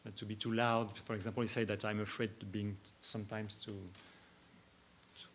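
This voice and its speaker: Halting man answering questions. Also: on the low side, flat delivery, a bit bright, a little hiss or hum. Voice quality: halting, many restarts and stammers. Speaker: keynote speaker answering questions. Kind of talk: academic Q&A answer. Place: lecture hall.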